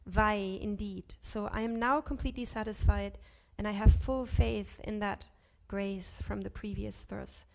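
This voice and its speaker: A woman teaching a class on Sanskrit scripture, chanting verses slowly and correcting herself aloud as she goes. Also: mid-range voice, steady tone, vocal fry. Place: ashram class.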